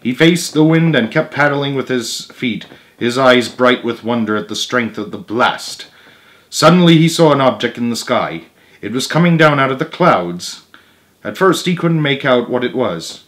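At a moderate pace, a young man reads a children's tale aloud in his living room, his mid-pitched narration expressive and dotted with casual remarks. The camera capturing him sits a short way off.

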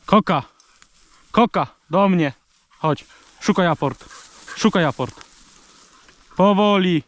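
A man's voice: fairly high pitch, expressive, slow pace. A man out hunting, calling short clipped commands to his dogs in the open fields. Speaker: hunter working his dogs. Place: outdoors in rural fields.

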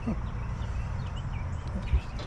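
A man vlogging a bike ride on a park trail, making relaxed, offhand remarks to viewers through a bike-mounted camera mic. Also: measured pace. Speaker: cycling vlogger. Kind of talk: casual commentary while riding. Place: outdoor greenway trail on a bike. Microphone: action camera mounted on the bike. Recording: dull outdoor camera audio with loud wind and traffic noise.

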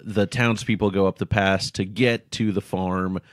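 Young man podcast co-host, easygoing and agreeable, lowish voice, dry close recording. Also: fairly even intonation, a little slow, no echo. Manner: easygoing, agreeing, recaps the plot. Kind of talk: casual film-discussion podcast chat.

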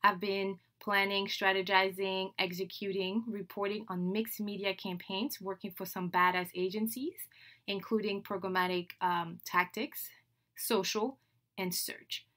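A woman's voice: medium pitch, steady tone, unhurried, fairly bright tone. A woman from Senegal whose first language is French, hosting her podcast in a chatty, upbeat way with laughs between phrases. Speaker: podcast host. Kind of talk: solo podcast introduction.

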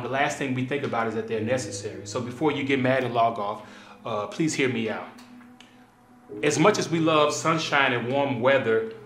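A pastor in his thirties talks to the camera in a relaxed, unhurried devotional style, filling pauses with ums and uhs. His voice sits at a middle pitch. The room sounds roomy, and soft instrumental music plays underneath. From Kansas City area. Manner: relaxed, conversational, filler-heavy. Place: small indoor studio with desk.

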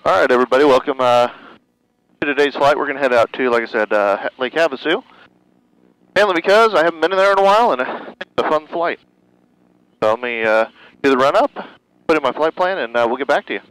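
A man's voice: mid-range voice, fast talker, a bit bright, no room sound, poor audio. A middle-aged American man talking casually as a pilot into a headset mic, informal and a little hesitant as he explains. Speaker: pilot and video host. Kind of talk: casual flying vlog with radio calls. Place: small plane cockpit in flight. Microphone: aviation headset boom mic.

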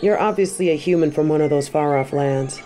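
A woman playing a stern but warm-hearted tiger kung fu master in a roleplay audio, speaking in a measured, composed way to the listener. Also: low-pitched, natural voice. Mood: measured, approving. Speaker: voice actor in a fan roleplay audio. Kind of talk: scripted roleplay addressed to the listener.

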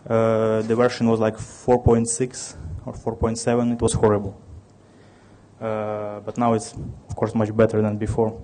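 A Ukrainian man in his thirties with a Russian accent delivers a technical conference talk peppered with fillers and restarts. His fairly low voice is mellow and monotone, at a normal pace.

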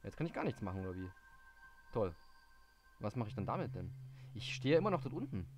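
A man doing live game commentary, muttering in confusion, reading in-game hints aloud and breaking into sudden excited outbursts. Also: lowish voice, fairly quick, faint music behind. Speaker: let's play gamer.

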